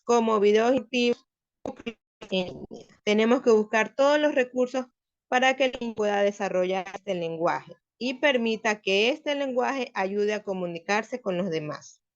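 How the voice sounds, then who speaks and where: A woman's voice: fairly high pitch, lo-fi sound. A woman student giving a class presentation, explaining her points step by step.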